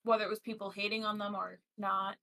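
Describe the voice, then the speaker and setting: A woman's voice: medium pitch, level tone, fast talker, pushed and bright. A young woman co-hosting a podcast, telling a story in casual chat with hesitant ums. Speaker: podcast co-host.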